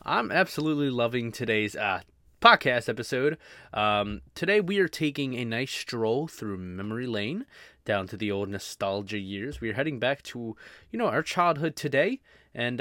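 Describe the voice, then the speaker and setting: A man hosting his own podcast in casual solo chat, rambling and halting, with many fillers and restarts. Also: medium pitch, sing-song, bright, forceful tone, no echo, clean studio sound. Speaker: podcast host.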